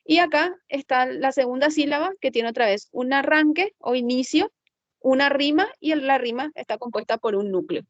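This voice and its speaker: A woman's voice: high voice, moderate pace, no room sound, muffled recording. A woman teacher explaining a lesson in an online class, patiently checking that students follow along and thinking aloud as she works the slides. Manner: checks understanding with frequent tag questions.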